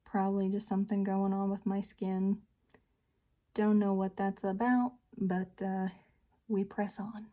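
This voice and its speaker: A woman's voice: medium pitch, level tone, unhurried, dark tone. A young American woman vlogging at home, telling a story in a chatty, self-deprecating way with frequent laughs while she does her makeup. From United States. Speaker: beauty vlogger.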